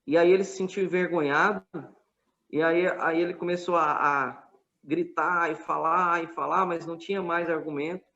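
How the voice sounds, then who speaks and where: A man's voice: a little high, steady tone, moderate pace, sharp tone, lo-fi sound. A man with a Brazilian Portuguese accent telling a story in a casual podcast chat, earnest and full of quoted back-and-forth. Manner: earnest, retelling a street debate with quoted dialogue.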